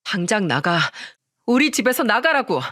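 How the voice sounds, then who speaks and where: A woman voicing a wronged wife who shouts and pleads in a narrated story. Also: on the high side, sing-song, normal speed, no echo, clean studio sound. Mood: furious. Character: wronged wife, furious and tearful.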